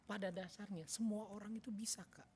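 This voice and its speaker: Animated storytelling father, earnest. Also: high voice, brisk, a little hiss or hum. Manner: animated, acts out family dialogue; earnest, reflective advice. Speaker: father and podcast co-host. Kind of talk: casual storytelling chat.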